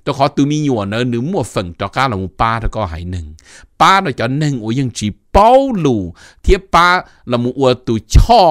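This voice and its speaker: A middle-aged man hosting a casual informational talk, animated and mixing in English terms. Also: lowish voice, dry recording, clean studio sound. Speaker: host giving advice.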